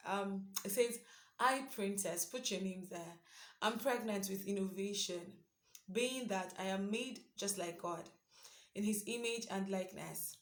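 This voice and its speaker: A woman's voice: mid-range voice, a little slow. A young woman sharing a casual devotional reflection, earnest and conversational, thinking aloud as she goes. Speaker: devotional speaker. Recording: roomy echo.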